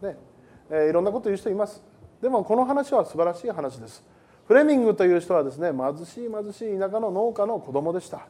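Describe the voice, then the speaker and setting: A male pastor preaching a sermon to a congregation in a lively, joking way that often wanders off topic. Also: high-pitched, quick pace, breathy edge. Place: church service with a congregation.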